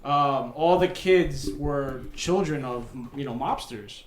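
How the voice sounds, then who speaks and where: A man's voice: on the high side, slow pace, echoey room, slight background noise. A man who grew up in New York, telling stories bluntly in a casual podcast chat, swearing often.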